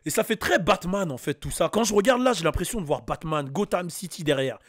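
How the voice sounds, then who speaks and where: A man hosting a casual reaction show, talking loudly and excitably with sudden shouted bursts. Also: high-pitched, a little fast, soft background music. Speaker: host reacting to a music track.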